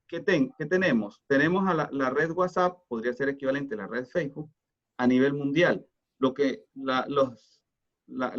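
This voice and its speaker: A middle-aged man giving an online lecture, explaining step by step and often pausing to ask whether students follow. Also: mid-range voice. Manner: explanatory, often checks understanding with tag questions. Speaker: teacher. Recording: dull lo-fi online class audio.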